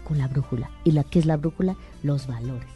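A woman's voice: low voice, brisk, soft background music. A Mexican woman, a guest author, giving emphatic parenting advice with lots of rhetorical questions. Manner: animated, preachy, rhetorical questions.

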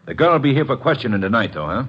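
An actor playing a gruff, skeptical police inspector, blunt and sarcastic, with a husky voice in a 1950s radio drama. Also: male voice, mid-range voice, sing-song, racing. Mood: blunt, insistent. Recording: muffled vintage 1950 radio recording.

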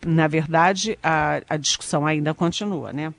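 A woman's voice: low-pitched, moderate pace, creaky. A woman giving ironic, emphatic political commentary on a radio talk show, often repeating herself with fillers.

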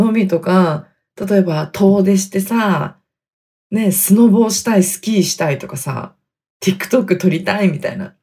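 A woman around thirty from Hokkaido, hosting her own podcast with chatty, self-deprecating solo talk, speaking quietly from inside a closet. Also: on the low side, breathy edge. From Hokkaido, Japan. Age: 30s. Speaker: podcast host. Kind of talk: casual solo podcast chat. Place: inside a closet in a wooden apartment studio. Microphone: computer mic in closet.

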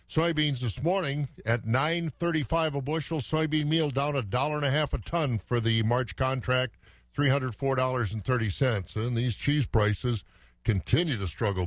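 A man's voice: mid-range voice, no echo. A folksy man hosting a morning farm radio show, reading out weather and market figures. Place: dry radio studio.

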